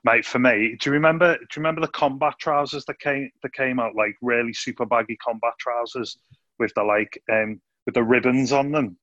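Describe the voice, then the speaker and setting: A man's voice: mid-range voice, fairly quick, fairly bright tone, dry recording. Male youth host, chatty and upbeat, dry lo-fi video call sound. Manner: chatty, upbeat, calls people mate. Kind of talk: casual video call interview. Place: living room.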